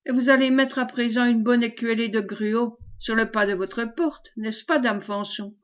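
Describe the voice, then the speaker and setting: A scornful, skeptical man scoffs at village beliefs, read by a woman narrator. His sneer is plain but lightly acted, sitting a bit high. The recording is dull and lo-fi. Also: steady tone, moderate pace, a bit bright, natural voice. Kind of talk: audiobook character reading.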